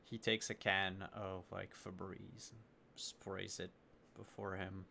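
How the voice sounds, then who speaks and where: A man's voice: low voice, level tone, slow, creaky, bright, forceful tone, a little hiss or hum. A man narrating a tabletop role-playing game as game master, improvising descriptions as he goes.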